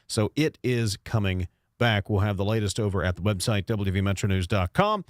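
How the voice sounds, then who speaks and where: A man's voice: on the low side, expressive, normal speed, no echo, clean studio sound. A man with an Appalachian accent hosting a radio talk show in a folksy, informal, conversational way. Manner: folksy, informal, self-deprecating. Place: radio studio.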